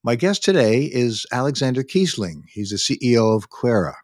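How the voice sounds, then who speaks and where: A man hosting a podcast, introducing his guest and asking questions in a polite, formal, measured way. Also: mid-range voice, very animated, a little mellow, dry recording, studio quality. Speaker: podcast host. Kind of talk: scripted interview introduction.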